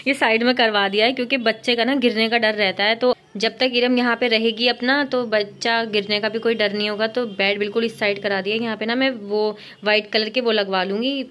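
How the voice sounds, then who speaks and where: A woman's voice: a little high, steady tone, moderate pace, few pauses, fairly bright tone. A woman chatting casually to her viewers in a vlog, talking straight to them with plenty of fillers. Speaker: vlogger. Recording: music playing underneath.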